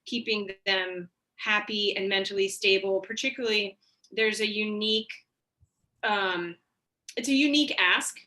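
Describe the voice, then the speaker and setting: A woman speaking as a guest on a video call, halting and filling pauses, while her connection freezes and chops her words. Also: mid-range voice, bright, forceful tone. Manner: halting, repeats words, many fillers. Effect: video call audio freezing and cutting out. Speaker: equine learning center staff guest. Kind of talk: casual webinar interview over video call.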